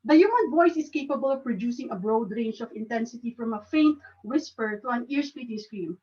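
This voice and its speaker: A woman with a Filipino accent giving a club talk on speaking, halting and restarting often. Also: a little high, animated, darkish tone, recorded from a distance, highs cut off. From Philippines. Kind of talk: educational talk.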